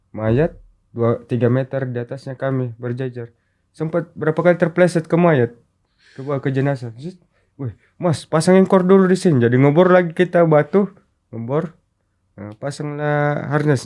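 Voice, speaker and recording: A man with a slightly high voice, chatting casually in an interview. He tells a story and acts out each line of dialogue as he quotes it. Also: a little mellow. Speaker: rescue volunteer guest.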